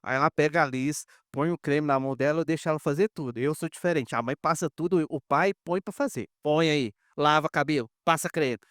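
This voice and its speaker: A Brazilian pastor preaching a conversational sermon, calling the congregation "brothers" and acting out short dialogues. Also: male voice, fairly high pitch, fast talker, few pauses, a bit bright, dry recording, studio quality. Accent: Brazilian Portuguese. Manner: conversational preaching, addresses "irmãos" often; acts out little dialogues in quoted voices.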